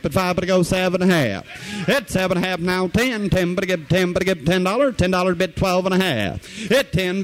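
A man working as an auctioneer, calling bids in a rapid, rhythmic, sing-song chant with repeated filler phrases. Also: sits high. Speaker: auctioneer at a household goods auction.

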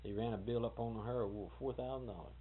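Speaking fast in a mid-range voice, a man in his 40s shares family history in a relaxed interview. His telling is rambling and folksy, full of self-corrections, on a tinny old tape recording with hiss.

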